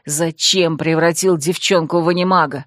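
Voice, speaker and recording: Woman doing a young male fox shapeshifter prince, hoarse, whiny, hot-headed. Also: low voice, steady tone, normal speed, no echo, clean studio sound, pitched below the performer's own voice, lightly acted. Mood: angry. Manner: hoarse, whiny when upset.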